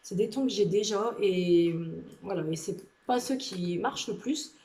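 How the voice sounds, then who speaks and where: A woman's voice: mid-range voice, unhurried, warm tone, reverberant, slight background noise, low-quality recording. A woman vlogging casually about a nail polish haul, chatty and gushing, with lots of filler words. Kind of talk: casual product haul video. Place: indoor room with a lamp.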